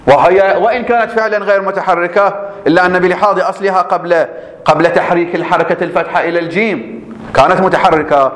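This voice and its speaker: A man's voice: high-pitched, fairly even intonation, quick pace, a bit bright, echoey room, rough recording. A male teacher explaining a grammar point in class, repeating himself and checking that students follow.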